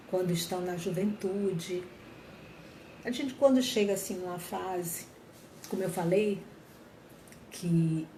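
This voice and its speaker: A woman's voice: on the low side, warm tone. A woman giving an earnest reflective talk on mental health to viewers, often repeating and rephrasing herself. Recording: echoey room, faint ambient noise.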